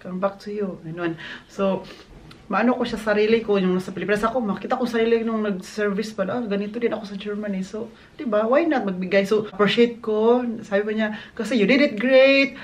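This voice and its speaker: Speaking fairly quickly in a high, fairly even voice, this hotel worker from the Philippines vlogs to his phone from inside the hotel. He's chatty, slips English into Tagalog, and performs the lines guests said to him.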